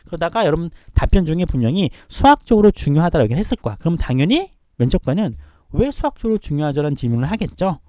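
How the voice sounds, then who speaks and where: A man teaching an online lecture at a quick clip, his voice bouncing up and down as he fires rhetorical questions at his students. The tone is fairly high yet mellow, and the sound is close and dry. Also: very animated, no room sound. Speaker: admissions tutor.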